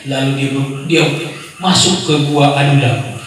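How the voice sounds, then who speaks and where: A man preaching a sermon at a youth church service, animated, asking rhetorical questions and acting out scolding voices. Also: medium pitch, unhurried. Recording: echoey hall, far from mic, faint noise.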